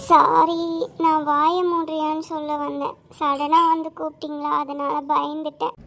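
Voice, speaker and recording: A woman's voice: high-pitched, flat delivery, normal speed, creaky, fairly bright tone, faint music behind. A woman voicing Anjali, a young woman who is sassy, teasing and in love, for a cartoon. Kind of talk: cartoon voice acting.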